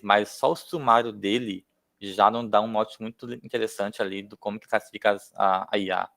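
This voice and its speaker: A man's voice: lowish voice, a bit bright. A Brazilian man explaining technology informally in a seminar discussion. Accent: Brazilian Portuguese. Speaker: speaker.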